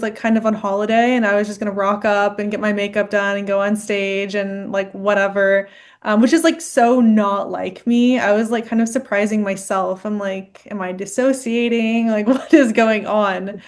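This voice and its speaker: A woman's voice: medium pitch, fairly even intonation, moderate pace. A young woman, a guest on a casual podcast, talking reflectively and chattily with many fillers. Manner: chatty, reflective, heavy use of "like". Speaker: guest client, first-time competitor.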